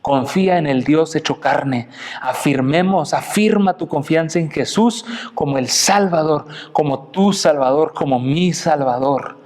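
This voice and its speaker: Man from Mexico preaching with animated swings. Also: unhurried. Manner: animated preaching, acting out quotes with big pitch swings; addresses listeners directly with questions. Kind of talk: sermon.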